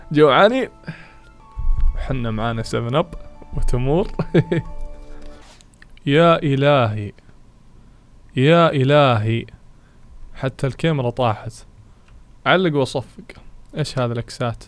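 A man gives let's play commentary at a rapid clip, in a voice of ordinary middle pitch. He chats excitedly with his viewers and reads game text aloud. Faint music plays underneath. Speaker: gaming channel host.

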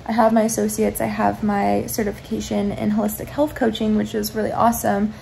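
Young woman vlogging from bed, mellow gravelly voice, reflective rambling, phone at arm's length. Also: mid-range voice, level tone, fairly quick, a little hiss or hum, rough recording. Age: 20s. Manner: reflective, meandering, soft-spoken. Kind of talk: casual confessional chat. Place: bedroom, lying in bed. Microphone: phone camera held at arm's length.

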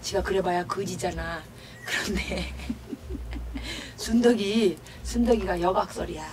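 A woman's voice: medium pitch, animated, slow pace, background noise. A woman teaching a Korean folk song, explaining the verses in a chatty, laughing, storytelling way. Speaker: pansori teacher. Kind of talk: sung folk verse then casual spoken explanation. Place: traditional music class room. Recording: singing class recorded from far off, music behind.

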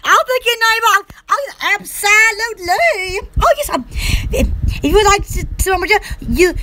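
A young woman with a Southern accent, chatting excitedly on a live stream from her bedroom, squealing and rambling. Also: very high voice, a little slow. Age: young adult. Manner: giddy, squealing, repeats herself, rambling. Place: small bedroom indoors. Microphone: webcam close up.

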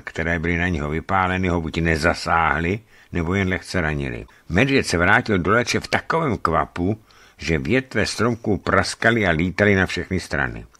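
A man narrating a memoir aloud, telling it in a lively storytelling manner. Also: sits low, no echo.

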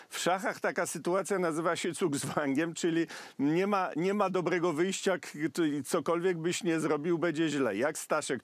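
Polish male moderator, slightly high, dry close sound, measured. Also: no echo. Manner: measured, addresses guests by name. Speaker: talk show host. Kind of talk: moderating a political discussion.

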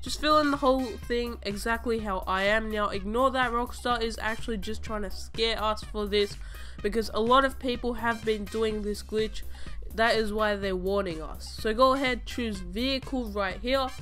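Her voice is a little high and fairly bright, moving at normal speed while faint music runs underneath. She's a young woman who hosts a gaming channel, and she's narrating gameplay footage from home with a cold that leaves her nose stuffed up. Chatty and casual, she repeats her instructions as she walks viewers through the game tutorial step by step.

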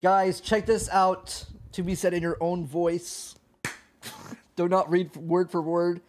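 High-voiced laughing streamer man. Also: little pitch movement, slow pace, a little mellow, slight background noise. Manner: laughs often while telling stories. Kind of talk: casual stream chat with friends.

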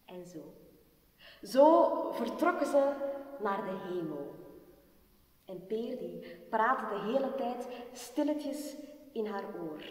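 A woman telling a story in a live performance, expressive and at times dropping almost to a whisper. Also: medium pitch. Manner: slow, expressive, drops to near-whisper. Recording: far-off voice in a reverberant hall.

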